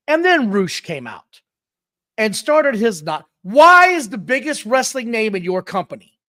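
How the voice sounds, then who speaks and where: A man co-hosting a podcast, talking in an animated, opinionated way in casual chat. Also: sits high. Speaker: podcast co-host.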